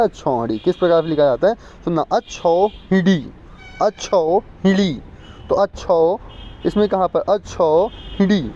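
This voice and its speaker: A man teaching an exam-prep spelling lesson, repeating words and quizzing viewers with quick questions. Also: a little high, warm tone. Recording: muffled lo-fi with faint street noise.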